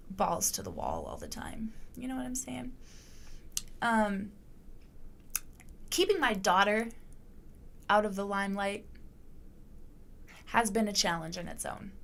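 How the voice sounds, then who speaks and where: A woman's voice: mid-range voice, gravelly, fairly bright tone, a little hiss or hum. A young adult woman hosting her own podcast, talking candidly in a casual monologue, blunt and profane, rambling with lots of fillers. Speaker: podcast host.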